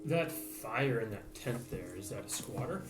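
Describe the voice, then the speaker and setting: A man's voice: medium pitch, lively intonation, a little slow. A man playing a tabletop game, chatty and full of questions. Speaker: player. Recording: echoey room with loud music behind.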